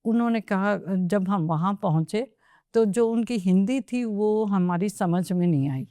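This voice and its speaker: A woman guest on a podcast interview, telling her story at an unhurried pace and slipping English phrases into her Hindi. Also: mid-range voice, dark tone, dry recording, studio quality.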